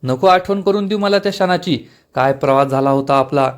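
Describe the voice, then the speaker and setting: A man's voice: a little high, a little fast, lightly acted. A man voicing an irritable young husband who scolds his wife. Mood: irritated.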